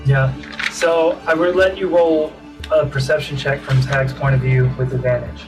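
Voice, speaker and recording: A man's voice: medium pitch, fairly even intonation, normal speed. A man narrating and explaining rules as game master, casual and chatty. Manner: casual, explanatory, laughs often. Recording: distant mic with music behind.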